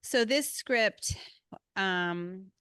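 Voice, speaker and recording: A woman's voice: medium pitch, animated, drawn-out words, fairly bright tone, clean tone, no room sound, studio quality. A woman hosting a podcast in casual chat, talkative and self-deprecating. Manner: chatty, self-deprecating, laughs often. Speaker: podcast host.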